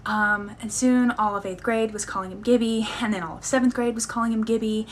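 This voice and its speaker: Quick-talking young woman telling a story. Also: fairly high pitch, steady tone, slight background noise. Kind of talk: storytime video to camera.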